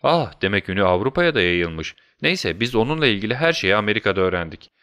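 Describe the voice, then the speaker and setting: A man's voice: lowish voice, very animated, fast, sharp tone, smooth, no echo, clean studio sound. A man voicing an earnest, determined young male detective.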